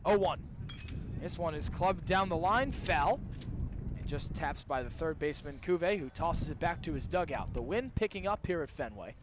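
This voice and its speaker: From the broadcast spot at an outdoor ballpark, a young man who is a student broadcaster does live radio baseball play-by-play, his descriptive calls building with the action and swelling into excitement on big plays while staying crisp. His voice is on the high side at a moderate pace, against a noisy background.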